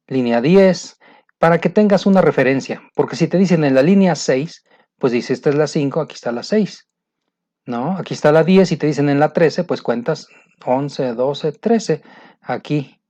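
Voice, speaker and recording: A man's voice: on the high side, dark tone. A man with a Mexican Spanish accent teaching an exam-prep lesson, patiently walking the student through each step. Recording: dull lo-fi sound.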